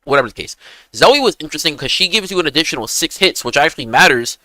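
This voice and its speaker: Young male streamer, hyped gamer bro, bright forceful voice with big pitch swings, casual and sweary. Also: expressive, fast, no echo, poor audio. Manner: hyped gamer-bro slang, swearing, peppering talk with "bro" and "dude". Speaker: game streamer. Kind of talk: casual livestream chat and gaming commentary.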